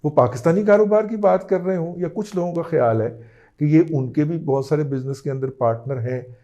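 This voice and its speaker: Warm-voiced political commentator. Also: male voice, fairly high pitch, a little fast. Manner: emphatic, often checks with "theek hai". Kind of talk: news analysis monologue.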